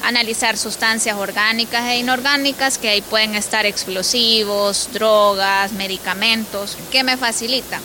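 A woman's voice: a little high, background noise. A woman customs official explaining things by asking and answering her own questions. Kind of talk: interview explanation.

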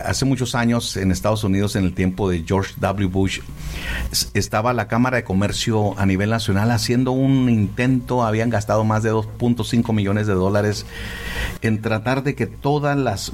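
A man, a pastor co-hosting a radio conversation, speaking earnestly and filling pauses with "eh". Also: lowish voice, darkish tone. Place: radio studio. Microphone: studio microphone.

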